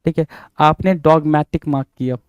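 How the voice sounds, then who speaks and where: Teacher guy, kinda high voice, mellow, dry sound, keeps quizzing you and spelling stuff out. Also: steady tone, normal speed, clear, resonant tone, no echo. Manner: repetitive, spells words letter by letter, quizzing the viewer; mixes Hindi and English. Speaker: English vocabulary teacher. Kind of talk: exam-prep vocabulary lesson.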